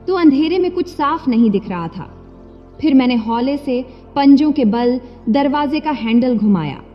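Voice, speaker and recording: A woman narrating a first-person story in a confessional, dramatic way. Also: sits high. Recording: dull lo-fi with long reverb and faint music.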